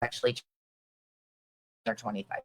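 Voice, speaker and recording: A woman hosting a podcast who speaks earnestly about health topics, pausing often with "um". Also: poor audio. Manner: earnest, halting, many "um"s. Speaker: podcast host. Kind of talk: podcast discussion.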